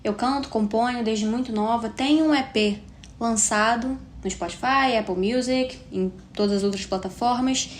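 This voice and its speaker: A woman's voice: fairly high pitch, moderate pace. A woman in her twenties from Rio de Janeiro with a Carioca accent, hosting a solo podcast in a chatty, reflective way. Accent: Carioca Brazilian Portuguese. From Rio de Janeiro, Brazil. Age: 20s. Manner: chatty and reflective, frequent tag questions. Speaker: podcast host. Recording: roomy echo with faint hiss.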